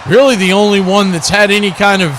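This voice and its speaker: A man with a high-sitting voice talks fast as he gives live play-by-play commentary on football. He speaks in short, clipped phrases, and a clear, steady background noise runs underneath.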